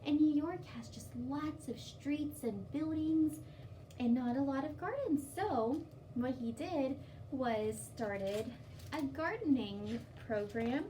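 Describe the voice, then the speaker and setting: A library storytime host reads aloud and explains things to young children in simple, instructive phrases. Her voice is high-pitched, mellow and animated, and she speaks slowly, picked up by a distant mic with faint background noise.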